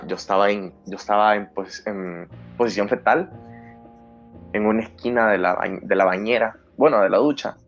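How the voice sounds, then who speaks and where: A man's voice: on the low side, lo-fi sound. A male podcast host tells a personal scary story dramatically, acting out his frightened younger self. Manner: dramatic storyteller who acts out his own fearful past self.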